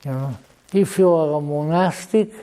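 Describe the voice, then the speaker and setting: An elderly man with a Hungarian accent giving an informal, rambling talk in a halting, deliberate manner, with formal old-fashioned wording and dry humour. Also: on the high side, dark tone, clean tone. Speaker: lecturer. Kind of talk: informal rambling reminiscence to an audience.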